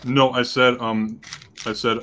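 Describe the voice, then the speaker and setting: A man's voice: medium pitch, level tone, measured pace, fairly bright tone, a little hiss or hum. A man co-hosting a casual livestream, joking and mocking himself while he builds. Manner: joking, self-mocking banter. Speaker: livestream co-host building toy bricks. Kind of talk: casual chat.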